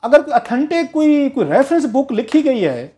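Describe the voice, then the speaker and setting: A man's voice: very high-pitched, sing-song, normal speed, mellow. A man, giving emphatic, story-driven commentary as a political analyst on a talk show.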